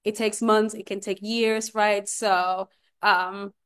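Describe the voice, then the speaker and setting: A woman's voice: mid-range voice, flat delivery, takes it slowly, a bit bright, clear, resonant tone. A woman from Puerto Rico speaking on a panel as a community researcher, earnest, with frequent restarts and fillers. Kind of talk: panel discussion.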